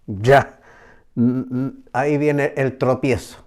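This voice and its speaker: A man teaching a Bible passage verse by verse, slow and emphatic, often repeating words for stress. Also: medium pitch, fairly even intonation, darkish tone. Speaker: preacher.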